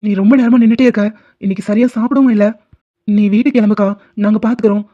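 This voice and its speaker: A woman's voice: medium pitch, fairly even intonation, very fast, dark tone, lightly acted. A woman voicing a caring young husband in a cartoon drama, speaking firmly and reassuringly. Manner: firm, reassuring. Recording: dull lo-fi sound.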